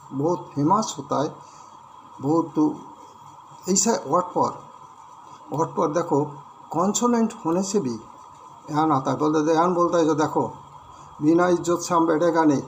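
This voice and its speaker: A man with an Indian accent teaching an English grammar lesson, explaining slowly, repeating words and mixing English terms into Hindi. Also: on the high side, a little hiss or hum.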